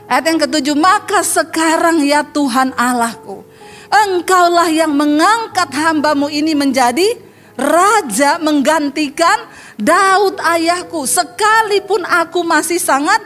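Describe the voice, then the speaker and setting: A middle-aged woman pastor preaching a sermon in a blunt, scolding way, mocking people with quick impressions. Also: extremely high pitch, fairly bright tone, soft background music.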